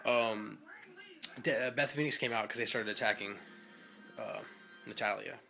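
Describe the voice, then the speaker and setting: Young male vlogger, bright tense voice, low-pitched, rambling chatty recap, slightly out of breath. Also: normal speed, creaky, faint music behind. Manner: rambling, chatty, many fillers and restarts. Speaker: wrestling fan vlogger. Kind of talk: casual results recap.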